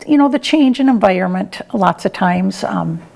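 This middle-aged interview guest, a retired air traffic controller and professor, has an expressive, mid-range voice with vocal fry and a slightly mellow quality. She moves at a moderate pace, answering questions conversationally and plainly, though with some hesitation.

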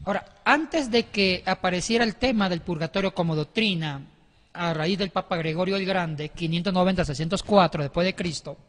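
A middle-aged man on a panel explains religious doctrine in a didactic way, often repeating and rephrasing himself mid-sentence. His high voice is a bit bright at a moderate pace, and his handheld microphone picks up a very echoey, wood-panelled studio or meeting room.

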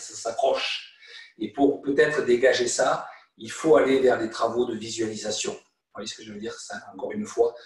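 A man with a French accent teaching an online qigong class, guiding calmly with frequent "hein" and "voilà". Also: medium pitch. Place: room at home or studio, teaching over video call. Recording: echoey room, voice from far off the mic.

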